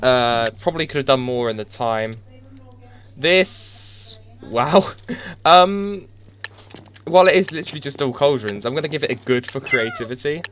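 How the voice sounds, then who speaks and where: His voice is medium in pitch, animated and fairly bright, delivered at a moderate pace with a slight hiss or hum in the audio. As a gaming YouTuber, he rambles and cracks self-mocking jokes during casual commentary on a headset mic, restarting many times while game music plays.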